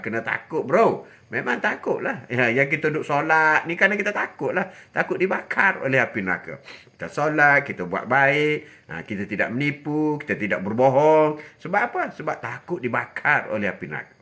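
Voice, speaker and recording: Fiery older Malaysian man preaching live. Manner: fiery, animated preaching with laughs and sudden low asides. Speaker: host of a live religious talk stream. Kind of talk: live religious advice talk.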